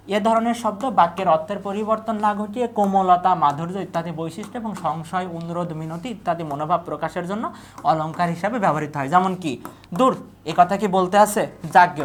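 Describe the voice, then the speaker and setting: A man with a Bangladeshi Bengali accent, tutoring for university admission in an exam-prep lecture, asking each question and then repeating the answer. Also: sits high.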